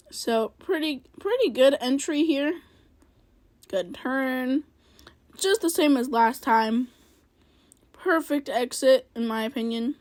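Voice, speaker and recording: A woman's voice: high voice, no echo. A woman giving casual play-by-play commentary on her own racing game, rambling and self-critical, with many fillers. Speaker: gaming video creator.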